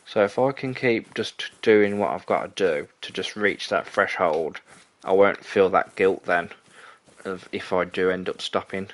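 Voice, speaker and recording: A young man chats through a hunting game on stream. His voice sits low and deep, and he rambles along, cutting himself off and restarting his sentences. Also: a little slow. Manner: rambling, chatty, self-correcting. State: out of breath. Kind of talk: casual gameplay commentary.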